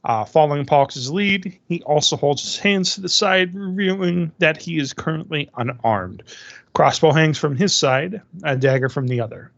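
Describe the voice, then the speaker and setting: A man's voice: fairly high pitch, normal speed, fairly bright tone, dry recording. A man narrating a tabletop game as game master, moving between hesitant improvising and reading out prepared description. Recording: dull, dry, lo-fi voice-chat sound.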